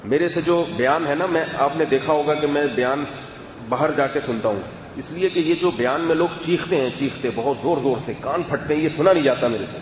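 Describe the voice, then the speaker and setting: A man giving a sermon in a calm, conversational, explanatory way, with asides to his listeners. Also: on the high side. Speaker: religious scholar. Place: mosque or hall with loudspeaker system. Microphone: loudspeaker microphone. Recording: echoey hall, faint background noise.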